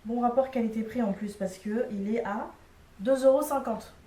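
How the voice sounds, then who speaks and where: A woman's voice: on the high side, moderate pace, warm tone, recorded from a distance. A young woman casually reviewing makeup products, chatty and frank, with lots of fillers. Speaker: beauty vlogger. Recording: echoey room, a bit off-mic.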